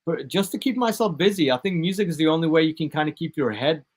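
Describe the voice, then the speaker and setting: This interview guest, an American DJ and producer, has a slightly high voice and talks fast. He rambles easily and casually, often using fillers and restarting sentences.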